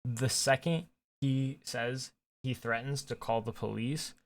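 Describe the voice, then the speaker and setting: A man's voice: mid-range voice, slow. A young man telling a work story in a casual, chatty way, often restarting his sentences. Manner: chatty, with frequent restarts and fillers. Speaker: storytime vlogger.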